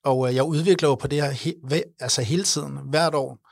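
A man in his forties, an event organizer, telling his story in an earnest, animated way during an interview. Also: on the high side, vocal fry, dry recording, clean studio sound. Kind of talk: interview conversation.

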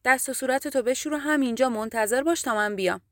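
A woman's voice: high-pitched, no room sound, studio quality, lightly acted. A woman acting a firm, weary nurse in an audio drama, coaxing and then insisting with a difficult patient. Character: firm, weary female nurse in a psychiatric ward. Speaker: guest voice actor.

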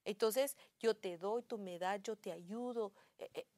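A woman's voice: medium pitch, unhurried, no echo. Chatty woman, dry close mic. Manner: warm anecdotal, acts out family dialogue, many fillers. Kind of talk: casual faith-based chat.

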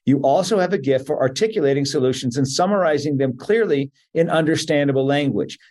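A podcast host with a slightly high, somewhat mellow voice reads a scripted intro, steadily listing his guest's credentials, then moves into the interview.

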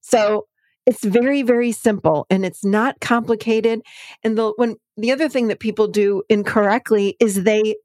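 Animated woman therapist, very dry sound. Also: medium pitch, moderate pace, dry recording. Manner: animated, acts out clients' quotes in livelier voices. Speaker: therapist and podcast guest. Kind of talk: conversational interview.

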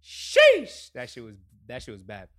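A podcast co-host with a bright, forward tone who tells stories in an animated, slangy way. He trades stories casually with his friends. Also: medium pitch, fast talker. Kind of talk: casual chat.

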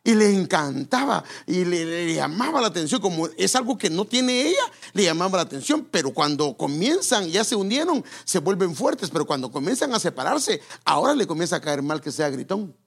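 A man's voice: high voice, vocal fry. A male pastor giving a sermon in a conversational way, speaking straight to his listeners and correcting himself as he goes. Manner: conversational, self-correcting, addresses listeners directly. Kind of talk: sermon on marriage.

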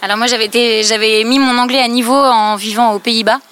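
A woman chatting as a guest, lively and quick to jump in with her own remarks. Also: a little high, slight background noise. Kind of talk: casual chat.

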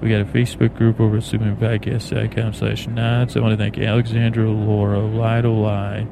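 Steady engine noise from the plane cabin comes through clearly around an American man who hosts a bedtime podcast mid-flight. Low and gravelly, he rambles calmly, halting and drifting as he speaks.

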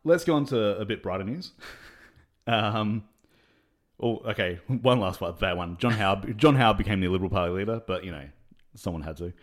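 A man with a very low voice chats loosely on a podcast, full of fillers and stray chuckles. He rambles from point to point with a relaxed, unscripted feel. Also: normal speed. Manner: rambling, many fillers, laughs between points. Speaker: podcast co-host. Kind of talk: casual chat.

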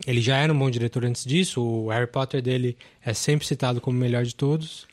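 A man's voice: mid-range voice, fairly even intonation, fast, darkish tone. A man, hosting a casual film podcast and talking enthusiastically with lots of fillers. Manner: enthusiastic, rambling, many fillers. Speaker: podcast host.

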